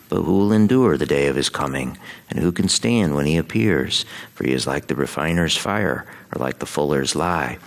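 Deep, creaky-voiced American priest. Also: male voice. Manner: solemn, measured liturgical delivery. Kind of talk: Mass scripture readings and homily.

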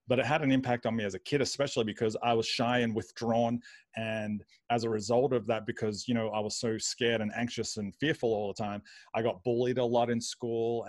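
A man's voice: mid-range voice, no echo. A man with an Australian accent telling his story casually as an interview guest, rambling and repeating words as he goes. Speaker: guest, online pastor.

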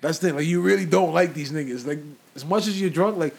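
Dude talking super fast, slightly high voice, rambling casual gossip with lots of slang and restarts. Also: male voice, creaky. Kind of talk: casual chat about hip-hop gossip.

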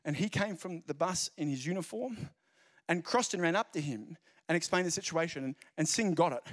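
A young man giving a lively, jokey evangelistic talk, telling stories and repeating key phrases. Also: fairly high pitch, a little fast. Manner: animated storyteller, jokey asides, repeats phrases. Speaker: speaker explaining Christianity.

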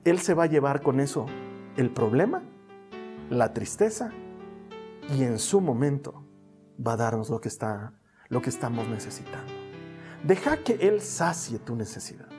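A male pastor preaching a sermon, earnest, building to emphatic peaks and then dropping low and slow. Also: very animated, music in the background.

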